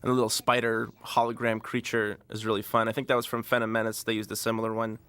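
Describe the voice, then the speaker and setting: Man giving a relaxed DVD commentary. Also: lowish voice, fast, smooth. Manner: relaxed, rambling, many fillers. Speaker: director.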